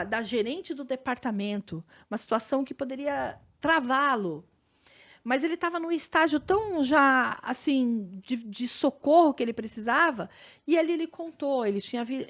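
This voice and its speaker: Lady host, high voice, earnest chat about being a good leader. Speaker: podcast host. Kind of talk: reflective podcast talk.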